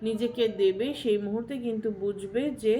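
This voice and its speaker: A woman's voice: medium pitch, steady tone, brisk, mellow, rough recording. A young woman vlogger explaining ideas to her viewers in a teacherly, repetitive way, slipping English phrases into her talk. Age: young adult.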